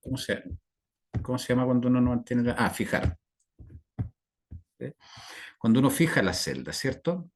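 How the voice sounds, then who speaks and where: A man's voice: medium pitch, very animated, moderate pace, long pauses. A Chilean man teaching an online class over a video call, rambling with fillers and constantly checking in with his students. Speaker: instructor.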